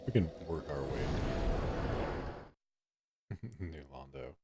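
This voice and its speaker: A man's voice: very deep voice, expressive, slow, heavy background noise. A man streaming a game live, chatting with his viewers in a rambling, joking way over game music. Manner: rambling, chatty with chat, jokey. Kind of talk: live gameplay commentary.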